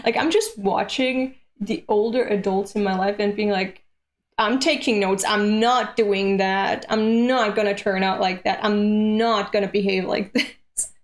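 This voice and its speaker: A European woman in her late twenties chats casually on a live stream between comic readings, her medium-pitched voice fairly even in intonation and a little slow. She is candid and self-deprecating and swears casually.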